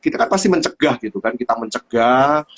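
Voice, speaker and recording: Animated man telling a story on a livestream. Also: mid-range voice, brisk, dull audio. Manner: animated storytelling with many fillers. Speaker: host. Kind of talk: casual livestream chat. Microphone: livestream phone.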